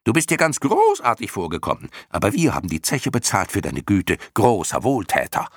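A man's voice: huge pitch swings, a little fast, no room sound, studio quality. A man voicing a screeching mob of mocking clown creatures in an audiobook. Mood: shrill, mocking. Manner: shrill, shrieking chorus, frantic and mocking. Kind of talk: audiobook character voice.

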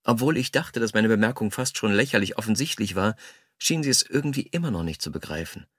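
A man reading a first-person story aloud in a calm, measured, intimate way. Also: fairly low pitch, husky, no room sound, studio quality. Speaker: audiobook narrator. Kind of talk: scripted first-person narration.

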